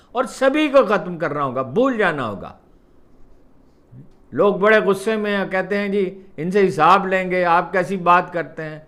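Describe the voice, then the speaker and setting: A man with a notably high voice holds forth in a political commentary monologue. He talks emphatically and circles back to hammer his points home. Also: fairly bright tone. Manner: emphatic, repeats points for stress.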